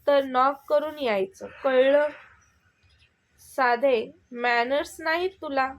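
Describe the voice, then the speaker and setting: A woman voicing a defiant young wife who firmly scolds a rival in a storybook scene. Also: sits high. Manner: firm, scolding, stands her ground.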